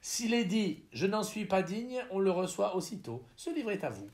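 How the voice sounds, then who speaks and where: A man's voice: high-pitched, very animated, normal speed, a little mellow, voice pushed up. A man voicing an eccentric, impoverished male wanderer who speaks in an earnest, slyly whimsical way.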